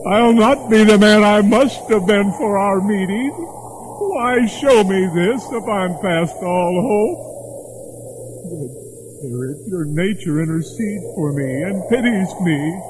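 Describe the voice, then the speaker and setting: A man's voice: sits high, lively intonation, slow, noisy background. A man playing an old miser who pleads with a spirit and then bursts with giddy joy at being changed. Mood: pleading remorse. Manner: pleading, then overjoyed and breathless with laughter.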